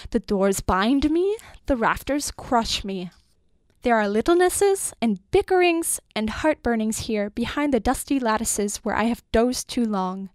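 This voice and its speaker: A weary old father speaks with calm, stately courtesy, his words drifting and dreamy, as a woman reads him aloud. The voice sits a little high and the sound is dry and close, with no room around it. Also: dry recording.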